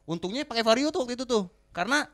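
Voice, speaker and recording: A young man from West Sumatra telling a road story in slangy, animated podcast chat. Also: very high voice, racing. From West Sumatra, Indonesia. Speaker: comedian podcast guest.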